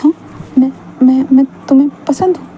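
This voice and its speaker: A woman's voice: high voice, normal speed, dark tone, slight background noise, close to an everyday voice, rough recording. A woman voicing a flustered, shy young man in love, who stammers and hesitates as she reads a story aloud in Hindi.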